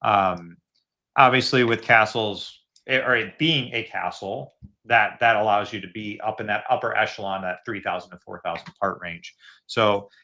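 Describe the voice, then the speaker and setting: A lowish, bright-toned man hosts a video call and coaches fan designers on their models. His delivery is casual and encouraging, and he often backs up and restarts his phrases as he thinks out loud. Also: normal speed. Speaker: host giving feedback to fan designers.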